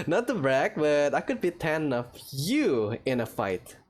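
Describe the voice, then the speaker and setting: Over game music, a man with a fairly high, husky voice gives slow but very animated let's-play commentary. As a gaming host, he keeps it casual, rambling and jokey.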